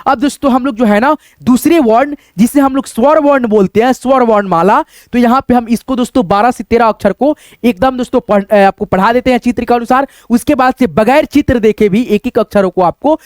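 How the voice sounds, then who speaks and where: A very high-voiced man teaching slowly. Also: a little mellow, no echo, studio quality. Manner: slow and repetitive, asking questions and answering them himself; fills in nearly every sentence with a friendly word for the audience. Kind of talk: teaching the alphabet to beginners.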